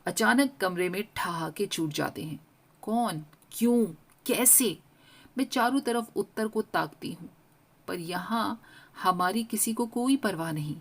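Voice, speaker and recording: Woman narrator, mid-pitched, expressive first-person storytelling in a young girl's voice. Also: unhurried.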